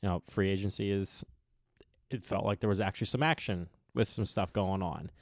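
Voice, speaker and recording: A man's voice: lowish voice, fairly quick, no room sound. A man hosting a casual podcast on a headset in an apartment, rambling with lots of "like" and trailing thoughts. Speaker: podcast host. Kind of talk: casual chat.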